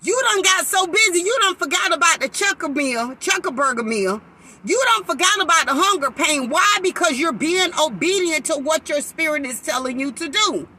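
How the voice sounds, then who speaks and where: A woman's voice: sits high, animated, normal speed, noisy background. A woman, preaching in a sermon-style live talk and fervently acting out voices.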